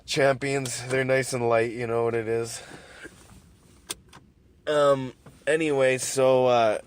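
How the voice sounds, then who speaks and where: A man's voice: mid-range voice, fairly even intonation, slow, slight background noise. A man hosting his own show, telling a story in a casual rambling monologue with lots of swearing and restarts, recorded while sitting in his car. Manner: rambling, profane, many restarts and fillers. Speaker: podcast host.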